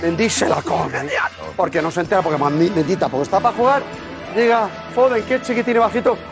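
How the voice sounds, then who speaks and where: A sports pundit with a strikingly high voice tells a match like a boxing film, yelling sound effects and building up drama. He is theatrical and excitable. Music plays clearly behind him. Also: fast. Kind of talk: excited studio talk.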